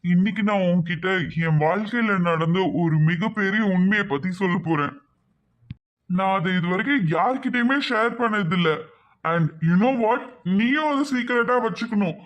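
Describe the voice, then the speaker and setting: A man's voice: high-pitched, moderate pace, a bit bright, muffled recording. A man voicing a rich, lonely cartoon man who talks in a chatty, coaxing way and slips English phrases into his speech. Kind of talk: animated cartoon dubbing.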